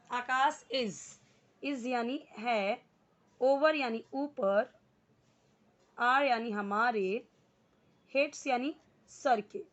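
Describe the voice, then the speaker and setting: A woman's voice: fairly high pitch, muffled recording. A woman teaching English in Hindi, explaining patiently word by word and mixing in English terms. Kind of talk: Hindi-English spoken lesson.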